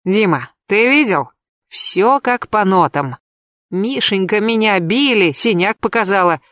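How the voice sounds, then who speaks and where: A woman reading an audiobook, voicing an angry, jealous young man who shouts crude accusations, recorded dry. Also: medium pitch, lively intonation, measured pace, dry recording.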